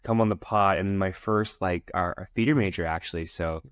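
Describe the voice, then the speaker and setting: A man's voice: low-pitched, fairly quick, smooth, no echo, studio quality. A man hosting a casual podcast interview, talking in a hyped, slangy, friendly way to his guest. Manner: hyped, slangy, calls guest "my boy" and "my brother". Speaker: podcast host.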